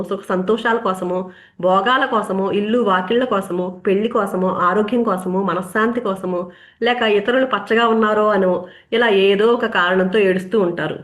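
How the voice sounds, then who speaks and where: A woman giving an earnest devotional talk on scripture, building her points through long rhetorical lists. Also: medium pitch. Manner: earnest, rhetorical, list-like delivery. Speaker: spiritual speaker.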